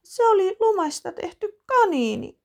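A woman voicing an eager, proud little girl in a storybook reading, high and excitable. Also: exaggerated voice. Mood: tearful.

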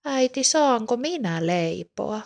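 A woman reading the lines of a shy ten-year-old girl, her voice raised a little higher. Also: expressive, creaky. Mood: timid.

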